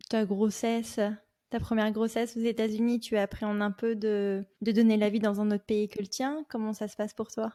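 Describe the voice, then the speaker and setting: A woman's voice: mid-range voice, little pitch movement, moderate pace, warm tone. A woman hosting a podcast, giving a brief scripted intro and then asking a guest questions with some hesitant fillers. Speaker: podcast host. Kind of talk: interviewing a guest.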